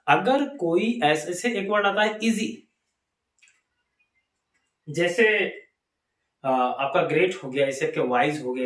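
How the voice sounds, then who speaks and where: A man's voice: fairly high pitch, fairly bright tone. A man with an Indian accent teaching an English lesson to a class, asking questions and answering them himself. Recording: echoey room.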